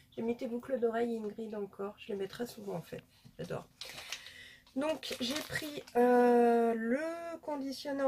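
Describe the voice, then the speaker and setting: A woman's voice: on the high side, creaky, darkish tone, husky. A woman chatting casually as a beauty vlogger showing off her haul, hesitating often with fillers. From France.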